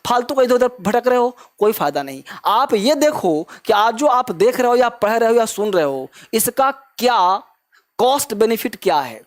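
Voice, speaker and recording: A man teaches a spoken English class. He keeps firing the same questions back at his pupils and repeating the answer. He calls them "beta" in a fatherly way. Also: very high voice. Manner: drills students with repeated questions.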